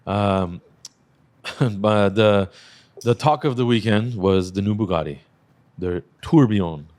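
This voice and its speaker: A man hosting a car podcast in casual chat, relaxed and swearing freely, laughing often. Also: on the low side, slow, no room sound. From Lebanese Armenian family. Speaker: podcast host.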